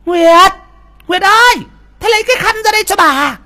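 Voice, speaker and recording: A man voicing a shrill, greedy, scolding wife in an audiobook story. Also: very animated, unhurried, heavily acted. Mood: bossy. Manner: shrill, sharp, nagging. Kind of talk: audiobook character voice.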